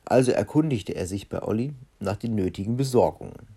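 Brief: man reading a storybook to kids, low, gravelly, husky. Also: animated, brisk, dark tone. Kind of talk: reading a children's book aloud.

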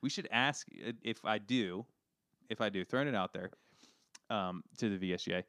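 A man's voice: on the low side, normal speed, a bit bright, no echo, studio quality. A man co-hosting a casual podcast chat, rambling with lots of fillers and poking fun at himself. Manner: rambling, filler-heavy, self-deprecating. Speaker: podcast co-host.

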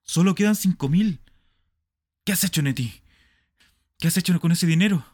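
A man voicing a middle-aged husband in a storybook reading, who moves from quiet scheming to alarmed shouting. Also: on the low side, level tone, brisk, vocal fry, no room sound, studio quality. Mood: furious.

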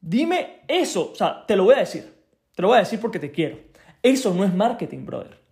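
A man with a high voice talks straight to the listener as a network marketing coach. He is blunt in a tough-love way. He stays chatty, laughs between points and keeps checking in with "ok?". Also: animated, fast, gravelly, darkish tone. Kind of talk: direct-to-listener advice talk.

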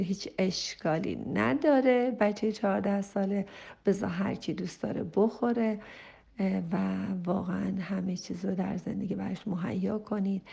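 A woman's voice: mid-range voice, gravelly, dark tone, slightly rough. A middle-aged woman counselor giving parenting advice in a direct, repetitive, motherly way. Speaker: family counselor answering a parent's question. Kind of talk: advice talk.

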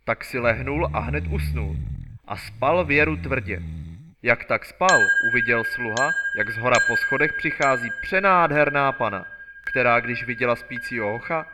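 A man narrates a fairy tale in a measured, storytelling voice of ordinary pitch. He paces the story carefully. Loud background music plays under him.

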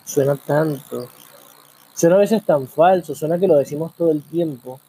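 Guy musing out loud on his show, asks lots of questions, slow pauses, warm dark voice. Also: fairly high pitch, a little hiss or hum. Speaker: program host. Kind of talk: reflective spoken monologue.

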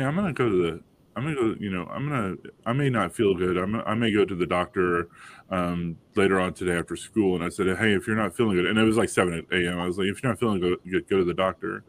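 A man, telling a personal story on a panel, halting with fillers and restarts but animated when quoting others. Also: deep voice. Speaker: panel guest father.

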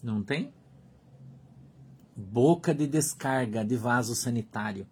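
A man preaching a sermon as pastor, in Brazilian Portuguese, emphatic, repeating short phrases and dropping to a hush. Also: medium pitch, expressive, takes it slowly, slightly rough.

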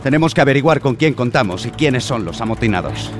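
An actor playing a stern, authoritative ship's captain in a Spanish radio drama, curt and commanding. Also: male voice, medium pitch, animated, fast talker, over music, natural voice. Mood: grave, measured.

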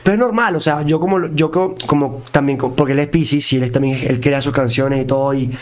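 Clear-voiced Venezuelan man, slangy and informal. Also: mid-range voice, quick pace. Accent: Venezuelan Spanish with Mexican slang. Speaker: interview guest, singer and producer. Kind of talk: casual conversational interview.

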